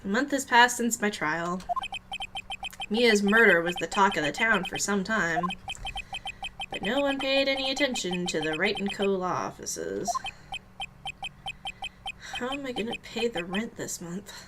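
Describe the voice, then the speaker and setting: A woman voicing a wry, put-upon young male lawyer in a lowered, dry voice. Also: big pitch swings, a little slow, long pauses, heavy background noise. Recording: clear music behind.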